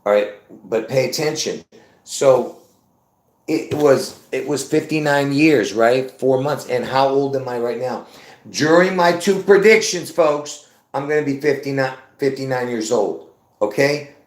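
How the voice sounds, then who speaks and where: Calling his viewers folks, a man in his fifties hosts a live stream, talking in a rambling, insistent manner and repeating himself. His medium-pitched voice moves a little slowly, and there's a roomy echo around it.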